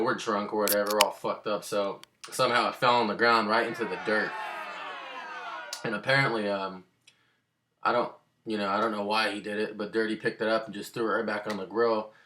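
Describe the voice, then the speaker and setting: Low-voiced man telling a rambling story. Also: flat delivery, normal speed, background noise. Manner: rambling, slangy, full of fillers. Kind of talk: casual storytelling to camera.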